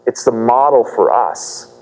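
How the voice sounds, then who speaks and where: A man's voice: mid-range voice, lively intonation, measured pace, big-room sound, poor audio. A man preaching a sermon as pastor, explaining a scripture passage earnestly and posing rhetorical questions to the congregation.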